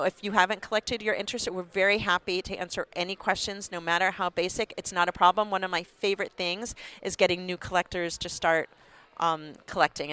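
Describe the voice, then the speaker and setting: A woman's voice: on the low side, fairly bright tone, clear, resonant tone. A middle-aged woman who runs an art gallery, speaking in a gracious, upbeat way during a casual interview. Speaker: gallery operator. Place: expo booth.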